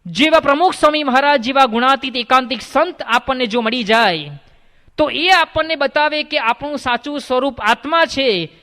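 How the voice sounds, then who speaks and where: A man, a swami, gives a sermon and tells a parable in a lively way, acting out the characters. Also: very high-pitched, moderate pace. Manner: animated storyteller, acts out the characters. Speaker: swami giving a religious discourse. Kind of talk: sermon with storytelling. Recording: long hall reverb.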